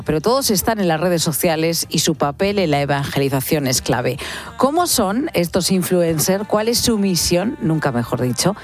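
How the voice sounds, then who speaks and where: A woman from hosting a radio interview, asking lively, chatty questions. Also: on the low side. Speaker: radio host.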